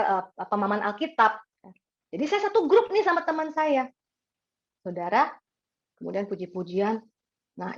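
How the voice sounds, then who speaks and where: Animated woman pastor preaching, lo-fi. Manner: animated, acts out quoted voices with sharp pitch jumps; chatty, asks the congregation for agreement. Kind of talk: sermon. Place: church service. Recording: dull lo-fi recording.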